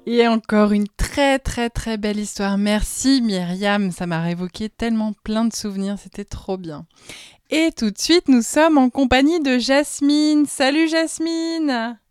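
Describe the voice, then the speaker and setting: A woman's voice: a little high, a little slow, clean tone, dry recording, faint music behind. Host: woman, encouraging and chatty, resonant voice, dry close mic. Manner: bright, encouraging, rambling. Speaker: children's show host. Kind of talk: casual chat with a child.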